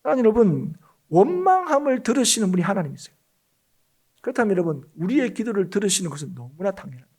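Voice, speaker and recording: A man preaches a Sunday sermon in a church sanctuary. He talks fast, with a widely swinging pitch, and keeps calling out to his listeners with emphatic questions. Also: sing-song, a little mellow. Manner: emphatic, often addresses the congregation. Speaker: pastor.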